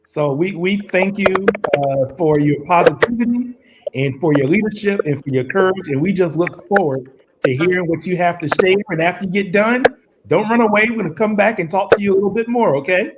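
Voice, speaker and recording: A man performs a slightly high-voiced co-host welcoming a child reader. His voice comes through a crackly, staticky call line with hiss and clicks. He talks casually and encouragingly. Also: fairly quick. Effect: crackly, staticky phone-like line. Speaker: co-host of a virtual reading event. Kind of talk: casual online event hosting.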